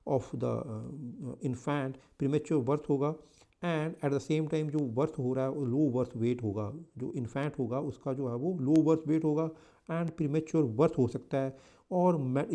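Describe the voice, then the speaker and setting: There's vocal fry in this man's warm, medium-pitched voice as he lectures for exam prep with an Indian accent. Frequently repeating and correcting himself, he slips English terms into his Hindi.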